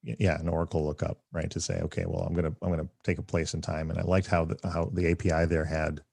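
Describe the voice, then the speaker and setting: A man hosting a casual livestream discussion, rambling with many fillers and restarts, his voice deep from having just woken up. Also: little pitch movement, quick pace, gravelly, a little mellow, husky, no echo, clean studio sound. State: just woke up, deep morning voice. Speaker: summit host.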